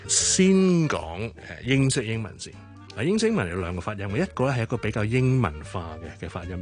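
A man with a Hong Kong Cantonese accent presenting a short radio English lesson, explaining and repeating words for practice. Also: lowish voice. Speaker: English-learning segment presenter. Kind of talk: scripted radio language tip.

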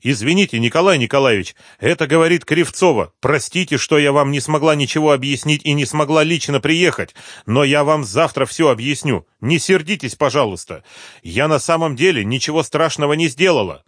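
Guy doing a nervous woman pleading on the phone, higher voice, dry. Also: animated, fairly quick, fairly bright tone, dry recording. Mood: anxious pleading.

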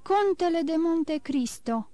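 A woman's voice: high voice, no room sound, natural voice. A woman voicing a starving, desperate male banker who begs for his life in broken, pleading cries, in an audiobook. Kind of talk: audiobook reading.

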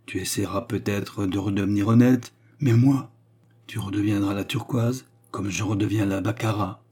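A man's voice: on the low side, fairly even intonation, moderate pace, mellow, breathy edge. Man voicing a fierce, clipped courtesan woman. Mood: grave. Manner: clipped, jerky, metallic speech. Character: fierce hard-handed young Parisian courtesan woman. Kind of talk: audiobook character reading.

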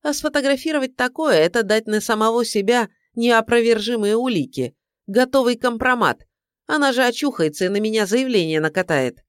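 A woman's voice: on the high side, animated, a little fast, clean tone, dry recording, pitched above the performer's own voice, close to an everyday voice. A tired, sardonic private detective, read by a woman, dry and grudging in how he talks. The tone stays close to the reader's own voice, recorded close and dry for an audiobook. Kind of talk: audiobook character voice.

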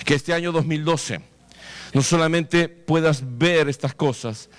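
A male pastor preaching a sermon, telling the story dramatically with vivid sound effects and exhorting his listeners directly. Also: on the high side.

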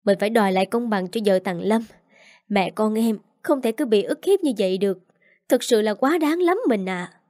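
A woman's voice: medium pitch, moderate pace, mellow, dry recording, clean studio sound, lightly acted. A woman voicing a haughty, scheming middle-aged mother-in-law who complains shrilly. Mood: indignant.

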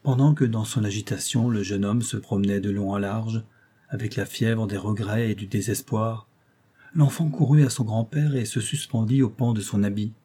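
Male narrator for a classic novel audiobook, measured delivery, husky tone. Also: fairly low pitch, fairly even intonation, dark tone. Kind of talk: scripted narration.

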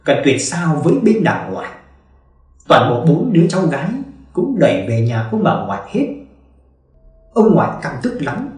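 A man narrates a ghost story with a dramatic, expressive delivery. His voice sits a little high and swings widely in pitch. It is picked up from a distance in a strongly echoing room. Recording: very echoey room, distant mic.

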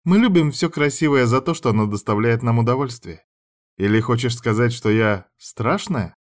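A man's voice: medium pitch, moderate pace, natural voice. A man voicing a teasing, sly young blonde woman who drawls her mocking lines in a raised voice.

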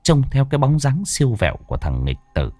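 A man's voice: medium pitch, huge pitch swings, fast, dark tone, no echo. A man narrating a ghost story in a dramatic storytelling manner. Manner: dramatic storytelling with voiced characters. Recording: dry close recording with faint music.

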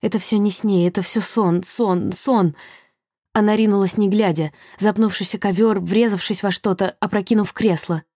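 Dark-voiced woman reading a thriller. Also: medium pitch, steady tone, no echo, studio quality. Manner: measured, tense storytelling. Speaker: audiobook reader. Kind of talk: scripted thriller narration.

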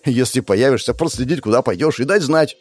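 A man's voice: expressive, brisk, faint music behind, close to an everyday voice. A man voicing a frightened young male street lookout who pleads in a raised, strained voice. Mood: frightened pleading. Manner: frightened, pleading, high-pitched.

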